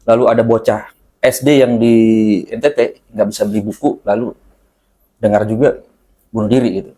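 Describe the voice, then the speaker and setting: Man, podcast host, mid pitch, casual questions. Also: steady tone, moderate pace, dark tone.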